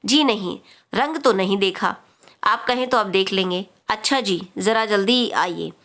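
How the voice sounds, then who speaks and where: A woman's voice: mid-range voice, measured pace, a bit bright. A worried father of a sick boy, voiced by a woman teacher reading a play aloud. The lines come plainly and anxiously, with a touch of concern. It is simple classroom play-reading rather than full acting. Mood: polite.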